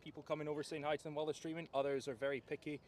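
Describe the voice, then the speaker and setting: A young adult plane spotter from Edinburgh, Scotland, with a Scottish accent, chats politely and casually outdoors at an airport, talkative yet a bit hesitant. His voice is on the high side and darkish, with little pitch movement, and he talks very fast. There's slight background noise.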